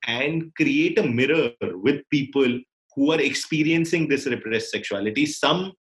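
A man's voice: mid-range voice, lively intonation, measured pace, a bit bright, poor audio. A man with an Indian accent in reflective conversation, searching for words and repeating phrases as he thinks. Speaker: filmmaker.

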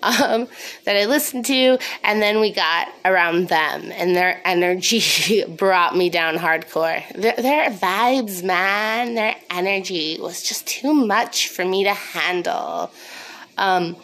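Speaking slowly in a medium-pitched, slightly bright voice, a woman podcast host rambles on her own in a casual, confessional way. She's candid, sweary and self-deprecating, a little sniffly, with a snorting laugh, and it's recorded on a phone.

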